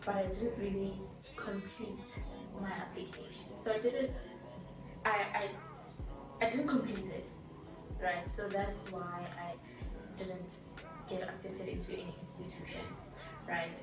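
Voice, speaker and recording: A woman's voice: medium pitch, fairly even intonation, unhurried, long pauses. A twenty-year-old woman from South Africa telling her story in a casual, rambling vlog, full of fillers and restarts. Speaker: vlogger. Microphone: laptop or phone camera mic. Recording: echoey room, voice from a distance, music playing.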